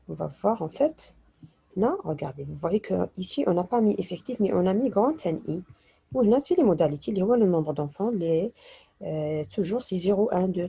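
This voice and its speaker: A woman's voice: fairly low pitch, vocal fry, warm tone, breathy edge. A woman teacher explaining a statistics lesson, slipping into Arabic dialect and restarting phrases. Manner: mixes French with Arabic dialect, hesitant restarts.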